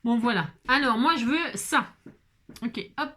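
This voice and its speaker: A woman's voice: fairly high pitch, unhurried, a bit bright. Chatty woman hosting a craft tutorial. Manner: talkative, joking, constant filler tags to viewers. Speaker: papercraft tutorial host.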